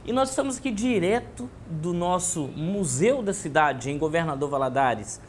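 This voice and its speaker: A woman's voice: lowish voice, expressive, normal speed. A Brazilian woman hosting a show, introducing it in a grand, theatrical ringmaster manner. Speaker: host and interviewer of a local culture programme. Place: indoors at a museum. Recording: echoey room with faint background noise.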